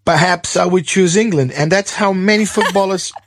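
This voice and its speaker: A man from Brazil speaks as a journalist, his voice carrying a gravelly edge. He answers questions thoughtfully, often restarting his sentences. The sound is close and dry. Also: sits high, moderate pace, no echo. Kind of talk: interview answers.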